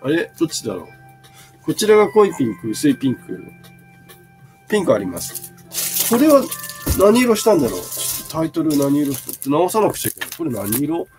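A man in his fifties talks casually through a live sales stream, showing goods and answering viewer comments. His voice sits a little high and swings widely in pitch. Faint music plays behind him. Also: sing-song, brisk, a little mellow. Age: 50s.

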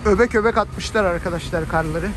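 Talking fairly quickly in a high voice, a man from Turkey gives a casual, chatty vlog for his family channel, speaking to viewers as friends in colloquial terms. He's outdoors on a snowy city street filming with a handheld phone, and the phone audio catches faint street noise.

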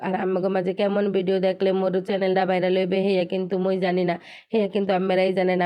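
Fast-talking woman with a Barishal accent. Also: medium pitch, smooth, muffled recording. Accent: Barishal dialect of Bengali. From Barishal, Bangladesh. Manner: chatty, talks straight to her viewers, many fillers. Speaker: cooking vlogger. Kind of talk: casual cooking vlog chat.

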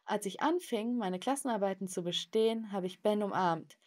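A woman narrating an animated story in the first person. Her delivery is scripted and lively, with an ordinary, middle-pitched voice. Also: moderate pace.

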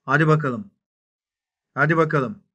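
A man hosting a football management game, muttering to himself and then shouting cheers at his players, some in English. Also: on the high side, moderate pace, husky, muffled recording. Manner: talks to himself, swinging from mutters to yells. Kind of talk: excitable gameplay commentary.

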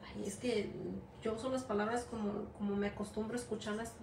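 Her mid-range voice level in tone and fairly quick, this middle-aged Mexican-American woman from the United States runs a casual gelatin art class at an indoor work table. She chats ramblingly, mixing English words and plenty of fillers into her Spanish, with background noise in an echoey room of faint ambience.

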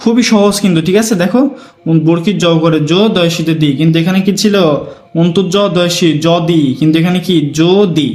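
A man's voice: high voice, fairly even intonation, quick pace, darkish tone. A man teaching a pronunciation and spelling lesson to students, repeating words syllable by syllable and checking in with them often. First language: Bengali. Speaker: Bangla teacher.

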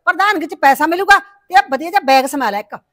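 A woman's voice: expressive, a bit bright. A middle-aged woman playing a nagging village mother and wife who scolds her husband and frets over her daughter's wedding. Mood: scolding. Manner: scolding, rapid and shrill.

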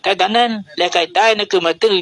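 A man's voice: high voice, fast, vocal fry, a bit bright, low-quality recording. A man with a Southern Thai accent teaching an Islamic grammar lesson, patiently explaining it word by word. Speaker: religious teacher.

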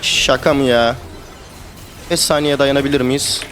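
A young gamer streams a video game and talks to his teammates in casual live commentary, swinging between calm planning and excited shouting and swearing. His voice is mid-range and his pace unhurried.

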